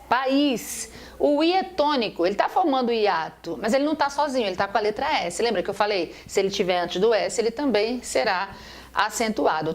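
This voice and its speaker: Woman teacher walking through grammar rules on slides, fairly high voice, asks herself questions then answers. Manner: explains step by step, asks and answers her own questions. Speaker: Portuguese teacher. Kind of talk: recorded grammar lesson over slides.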